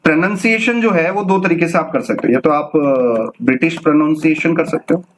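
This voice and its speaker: A man's voice: fairly high pitch, brisk, a little hiss or hum. Indian man teaching a coding class. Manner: explains with frequent "ठीक है ना?" check-ins; mixes English terms into Hindi. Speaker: instructor. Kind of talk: live coding lesson.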